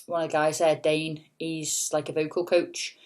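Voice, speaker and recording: A woman with a notably low, soft voice rambles in what sounds like an unscripted late-night vlog, her tone level and pace moderate. A singer and vlogger, she chats loosely, filling sentences with "um" and "you know" and swearing casually now and then.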